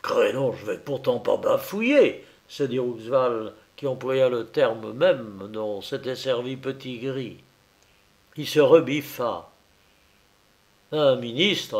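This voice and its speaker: A man narrating a classic detective novel in a measured, deliberate reading. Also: medium pitch, a little mellow. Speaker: audiobook narrator. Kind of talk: scripted narration.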